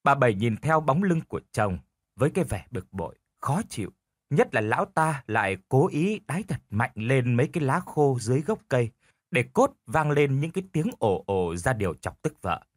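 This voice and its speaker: A man narrating an audio story in an expressive way. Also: medium pitch, normal speed, no room sound, studio quality.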